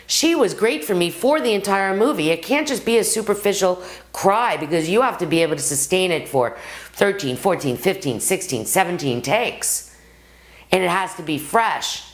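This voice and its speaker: A woman's voice: on the low side, moderate pace. A middle-aged woman acting coach teaching straight to the camera, talking to her viewers as "guys" and acting out stories from her own life. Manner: lively, addresses viewers as "guys", acts out anecdotes. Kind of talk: direct-to-camera acting lesson.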